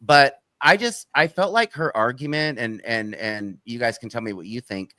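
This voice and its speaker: A man's voice: medium pitch, moderate pace, pushed and bright, dry recording. A man who runs a true-crime channel, talking as a guest on a video call, hedging and restarting often. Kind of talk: casual panel discussion.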